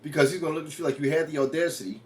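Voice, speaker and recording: A man's voice: fairly high pitch, very fast, darkish tone, a little hiss or hum. A man co-hosting a casual movie review chat, talking expressively, laughing often and swearing while acting out quotes. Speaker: co-host of a movie review show.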